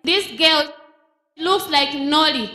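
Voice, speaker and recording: Bright high woman from Zambia testifying. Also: takes it slowly. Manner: earnest storytelling. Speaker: testifying congregant. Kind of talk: church testimony. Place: large church hall. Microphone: handheld mic. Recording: echoey church hall.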